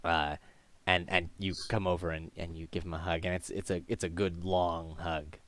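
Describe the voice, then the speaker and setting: A man narrating a tabletop game as game master, halting and full of fillers. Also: low-pitched, flat delivery, a bit bright.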